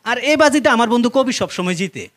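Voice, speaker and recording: Male stand-up comic, Bangladeshi accent, high register, quick chatty storytelling, live crowd laughter, slight background noise. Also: animated, fairly bright tone. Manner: conversational storytelling, addressing the audience and acting out dialogue. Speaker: stand-up comedian. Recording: live stage recording with faint noise.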